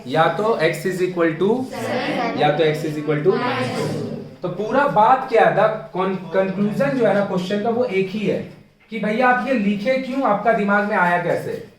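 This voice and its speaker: A male math tutor leads a classroom lesson, repeating himself and quizzing his students. His voice sits high for a man. He is caught from a distance in a very echoey room. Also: unhurried, crowd noise. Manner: coaxing, repeats and asks students questions.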